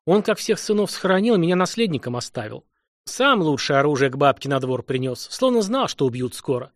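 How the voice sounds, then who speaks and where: A man voicing a modest, respectful young craftsman who speaks quietly and earnestly. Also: a little high, sing-song, brisk, no echo, clean studio sound.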